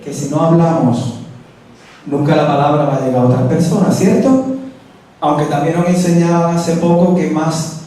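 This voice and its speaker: A man's voice: normal speed, mellow. A man with an Andalusian Spanish accent preaching a sermon, telling a story and acting out the voices of the people in it. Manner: storytelling, acts out quoted voices with raised pitch. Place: church hall. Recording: echoey hall, distant mic.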